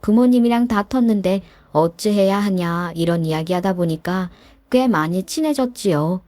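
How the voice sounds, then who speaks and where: A woman's voice: medium pitch, moderate pace, mellow, dry recording. A woman in her thirties narrating her own story in the first person, confiding and exasperated.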